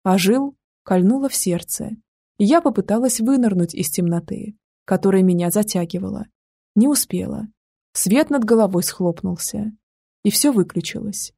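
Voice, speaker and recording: A woman narrates a first-person audiobook in an intimate, wry manner. Her voice is dark and mellow, with a husky, gravelly texture. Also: mid-range voice, animated, normal speed, dry recording, clean studio sound.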